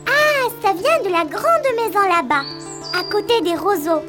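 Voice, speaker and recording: Eager tiny boy, woman doing the voice, super high and bouncy, storybook kid. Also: unhurried, music in the background, exaggerated voice. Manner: eager, lively child voice. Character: small cheerful boy, leader of seven brothers. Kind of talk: storybook voice acting.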